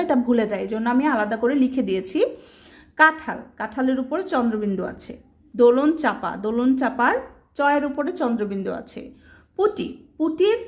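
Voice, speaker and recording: A woman teaching a primary school language lesson, asking questions and answering them herself, spelling words out letter by letter. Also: fairly high pitch. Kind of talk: explaining a children's textbook lesson.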